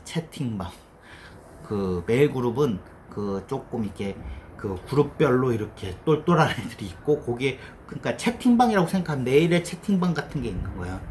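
A middle-aged man lectures aspiring developers in a blunt, teasing way, swearing casually and slipping into little acted-out quotes. His pitch swings about a lot. A faint hum sits under the voice. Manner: voices his past self and others in quoted asides. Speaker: developer giving career advice.

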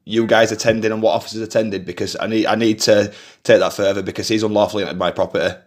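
On a phone call with police, a young adult male vlogger talks informally and hesitantly, repeating phrases and calling people "mate." His voice sits on the low side with fairly even intonation and a quick pace, recorded in a small, echoey room at home.

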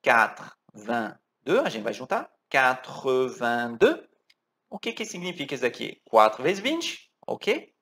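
A man's voice: mid-range voice, wildly swooping pitch, a bit bright. A man from France with a French accent, teaching a language lesson and drawing out each word in careful pronunciation drills, often checking in with his students. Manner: slow, drawn-out pronunciation drills, checking in with frequent "tá?".

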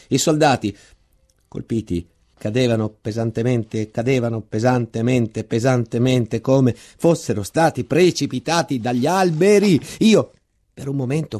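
A man giving an intense, measured dramatic reading of a literary text, repeating words for effect. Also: on the low side, a little mellow. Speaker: reader.

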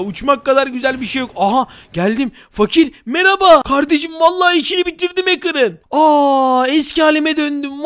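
A young man giving excited, loud gameplay commentary to his viewers, full of exclamations. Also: extremely high pitch. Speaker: gaming YouTuber.

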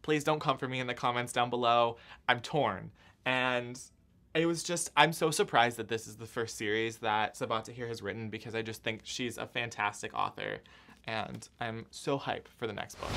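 A man's voice: medium pitch, fairly bright tone. Chatty upbeat young man vlogging books. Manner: chatty and upbeat, self-mocking jokes. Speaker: book vlogger. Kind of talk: casual book haul vlog. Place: indoors, filming alone.

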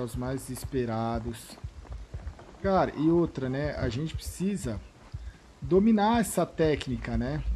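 A man's voice: medium pitch, darkish tone, slight background noise. Brazilian man chatting over a live game. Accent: Brazilian Portuguese. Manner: repeats short phrases, slangy, thinks aloud. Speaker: game streamer. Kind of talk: live gameplay commentary.

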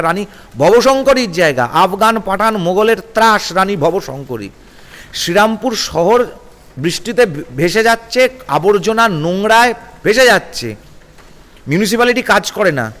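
A combative man, talking in a high-pitched voice as he fires off rhetorical grievances in bursts. His voice echoes with a long reverberant tail, as in a large room. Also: fairly bright tone. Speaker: political guest. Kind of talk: heated political interview.

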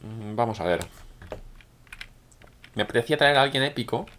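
A man from with a hoarse voice, chatting excitedly to viewers while commentating his own gameplay. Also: medium pitch, moderate pace, a little hiss or hum. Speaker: gaming YouTuber.

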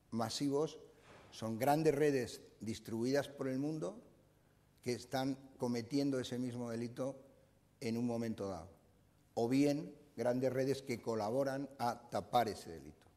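An older man gives a conference talk in a lecture hall, his mellow, dark, mid-range voice carrying long reverb through a lapel mic. He explains things with frequent "eh" fillers and restarts.

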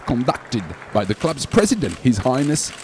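A man narrates sailing news in a scripted voice-over, his pitch rising and falling a lot. His voice sits in the middle range, with a faint hiss of noise behind it. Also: sing-song, normal speed, a little mellow.

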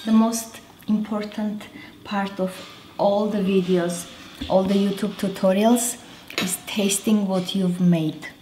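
A woman in her thirties with an Armenian accent, hosting a casual cooking demonstration in chatty, self-correcting, halting English. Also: mid-range voice, fairly even intonation, background noise. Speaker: cooking show host. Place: roomy home kitchen, indoors. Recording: echoey kitchen with background music.

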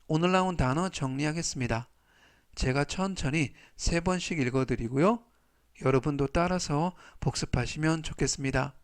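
A man teaching English vocabulary in a formal, polite way, repeating each word three times with slow, careful pronunciation. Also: on the high side. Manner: polite, formulaic explanations.

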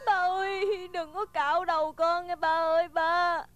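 A young woman playing a tearful daughter in a film, crying and pleading in drawn-out calls. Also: very high-pitched, flat delivery, music in the background. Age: 20s.

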